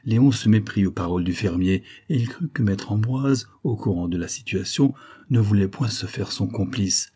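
A man reading a classic novel aloud as an audiobook narrator, in a steady, measured way. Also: lowish voice, slightly rough.

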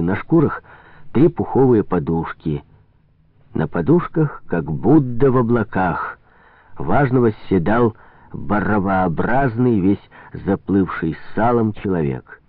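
A man reading a novel aloud as an audiobook narrator, expressive and measured. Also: lowish voice, dry recording. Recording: tinny phone-like sound, dry.

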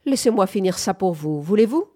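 A woman voicing a courteous young soldier who speaks softly and politely. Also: mid-range voice, animated, a little fast, natural voice. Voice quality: soft, polite.

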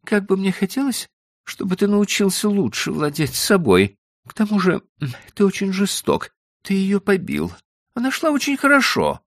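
A man reading an audiobook, voicing an excitable, fussy young wife with high, shrill exclamations. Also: moderate pace, dry recording, studio quality, full character voice. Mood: reproachful.

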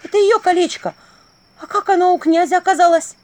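A jumpy young witch with a high, darting voice that leaps up and down, as a woman reader puts her on. She gasps out her exclamations and keeps slipping into breathless whispers, the storybook heroine on the edge of panic. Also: animated, normal speed, a little mellow, dry recording. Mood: alarmed.

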